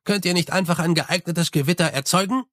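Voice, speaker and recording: A man voicing a cold commanding male official in an audiobook, curt and flat with a dry close sound. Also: high voice, fairly quick, no echo.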